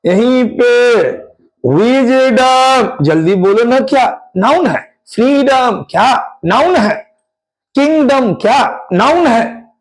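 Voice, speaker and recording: A man leads an exam-prep grammar lesson in a high, light voice. He talks slowly and deliberately, firing questions at students and repeating the answers for emphasis. He spells out word endings one letter at a time. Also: poor audio. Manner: animated, drills students with quick questions and repetition. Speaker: English grammar teacher.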